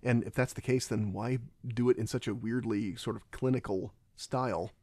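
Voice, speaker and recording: A man's voice: medium pitch, steady tone, a little mellow, no echo, clean studio sound. A man giving a casual, rambling film commentary, often stopping and restarting his sentences. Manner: halting and rambling, many restarts.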